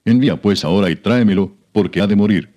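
A man's voice: fairly low pitch, fast, mellow, close to an everyday voice. A man reading a wrathful old king. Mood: furious. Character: angry older male king, harsh and accusing.

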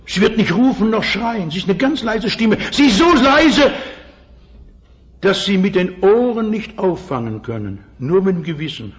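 An older man preaching an Easter sermon to a congregation, earnest, asking the listeners questions and slowing down for scripture. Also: high-pitched, expressive. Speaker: pastor. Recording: dull lo-fi old sermon recording.

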